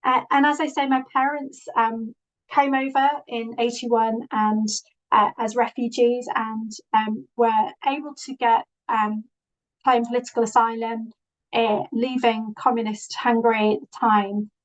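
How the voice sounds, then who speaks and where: A woman's voice: a little high, flat delivery, measured pace, lo-fi sound. Yorkshire woman presenting on a video call. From England. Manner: earnest, many fillers and restarts. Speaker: guest presenter. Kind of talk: online presentation.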